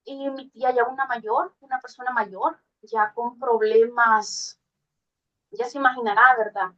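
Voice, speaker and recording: A woman from Guatemala giving a halting, emotional personal testimony on a phone video call, her voice dropping low when she is moved. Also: steady tone, fairly bright tone, highs cut off. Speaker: class participant sharing a testimony.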